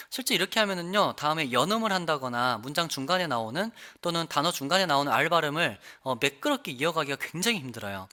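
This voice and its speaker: A man's voice: on the high side, sharp tone. A man teaching English pronunciation in an online lesson, explaining each point and demonstrating the sounds by repeating words.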